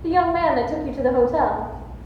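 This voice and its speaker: A woman's voice: high voice, fairly quick, slight background noise, natural voice. A woman on a stage playing a sardonic secretary with a dry, wry delivery in a live play. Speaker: stage actor. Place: large auditorium stage. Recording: distant, dull, echoey hall sound.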